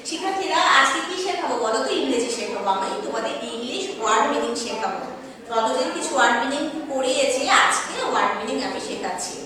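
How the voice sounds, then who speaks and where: A woman teaching an online primary school English class at a whiteboard, spelling words letter by letter and answering her own questions. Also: sits high. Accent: Bangladeshi Bengali. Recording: echoey room, mic far off.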